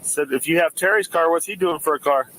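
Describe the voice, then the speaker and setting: A man working as a police officer, firing brisk, probing questions at a driver during a traffic stop outdoors. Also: on the high side, a bit bright, poor audio. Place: outdoors by a roadside.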